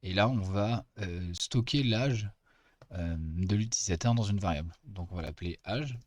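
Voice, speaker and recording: A man, working as a teaching assistant, walking through code in a casual screen-recorded lesson, chatty and full of pauses as he explains. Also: low-pitched, a little mellow.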